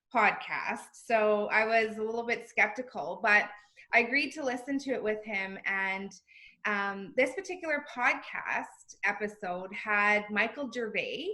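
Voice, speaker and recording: A woman with a bright, forward voice at an average pitch. She co-hosts a casual chat, telling stories and explaining things earnestly. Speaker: co-host.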